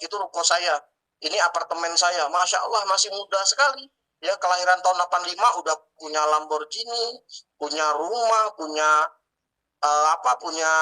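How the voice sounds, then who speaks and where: A man's voice: high voice, sharp tone, poor audio. A man in his late thirties telling his business story in an interview, earnest and full of fillers and tag words. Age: late 30s. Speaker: guest businessman. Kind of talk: testimonial interview talk.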